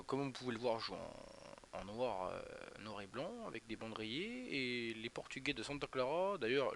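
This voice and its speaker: Streaming live, this young man from northeastern France chats on about a football match and talks straight to his viewers by name in a rambling, chatty way. His voice sits at medium pitch with a fairly bright tone.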